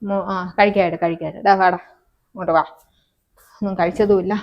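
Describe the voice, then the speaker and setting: A woman's voice: medium pitch, fairly even intonation, a little fast, close to an everyday voice. A woman playing a fretful, caring mother-in-law. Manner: repeats herself, soothing then fretful. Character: worried mother-in-law, anxious but caring. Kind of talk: amateur family web-series acting. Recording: slightly dull, lo-fi sound.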